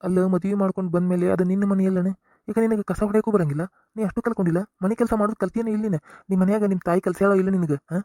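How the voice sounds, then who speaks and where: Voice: mid-range voice, fairly even intonation, rapid-fire, dark tone, no echo, clean studio sound, lightly acted. A performer voicing an exasperated young husband in a cartoon comedy, with a North Karnataka accent, lecturing and scolding. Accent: North Karnataka Kannada.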